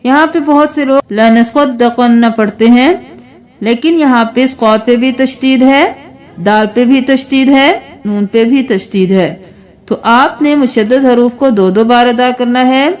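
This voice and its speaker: Woman, high-pitched, Quran recitation teacher, patient instructive tone, spells out letters slowly. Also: a little mellow. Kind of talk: Quran reading lesson.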